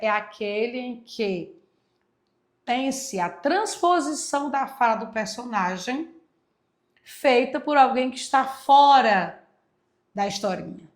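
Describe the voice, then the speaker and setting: A woman teacher walking through exam answers, emphatic, stretching key words out slowly and answering her own questions. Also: on the high side. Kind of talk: exam walkthrough lesson.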